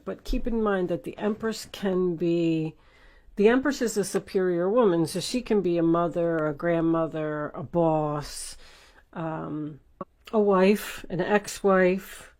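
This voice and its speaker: A woman hosts an online tarot reading, informally reading the cards for the viewer. Her voice is fairly low and darkish, and she speaks in a conversational, emphatic and reassuring manner.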